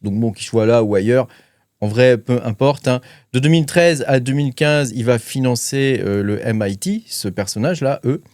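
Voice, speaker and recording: Here a crypto channel host with a darkish, mid-range voice talks at normal speed, reading his notes in a casual, filler-heavy, hesitant way. It's casual commentary to camera, recorded in a studio with no echo.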